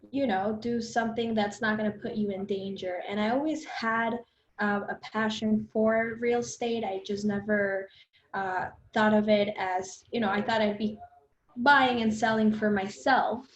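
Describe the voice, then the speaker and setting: A young woman from Colombia speaks as a podcast guest, earnest and quick, her phrases strung together with fillers. The sound is roomy and somewhat dull, as if recorded in a bare room on a modest mic. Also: medium pitch, fairly even intonation. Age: 20s. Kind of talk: casual interview chat.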